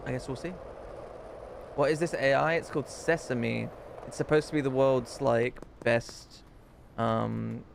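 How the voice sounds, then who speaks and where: Gravelly, blunt male streamer. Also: medium pitch, background noise. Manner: blunt, swears when annoyed. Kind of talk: casual live-stream chat.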